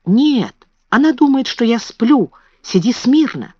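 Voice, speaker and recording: A woman voicing a brave, kind young girl who speaks earnestly and often in a hush, in a dull lo-fi recording. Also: a little high, very animated, takes it slowly, slightly rough, no room sound, voice pushed up, full character voice.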